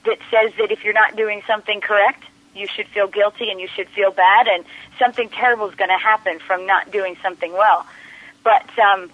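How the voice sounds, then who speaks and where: A woman's voice: mid-range voice, no echo. A woman speaking as a radio guest, earnestly recounting her experience and often restarting her words as she reflects. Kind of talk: personal account in a radio interview. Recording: dry, dull lo-fi radio audio.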